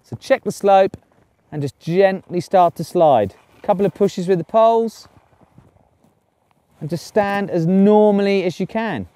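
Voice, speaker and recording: A middle-aged man presenting an instructional lesson as a ski instructor, explaining clearly step by step outdoors. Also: sits high, a little slow, warm tone, no echo. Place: outdoors on a snowy ski slope.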